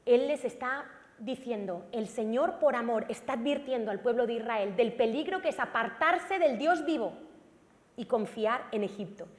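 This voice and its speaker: A woman pastor with a Peninsular Spanish accent preaching a sermon dramatically and emphatically, sometimes rising to shouts. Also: fairly high pitch, animated, moderate pace, in a large hall. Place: church sanctuary.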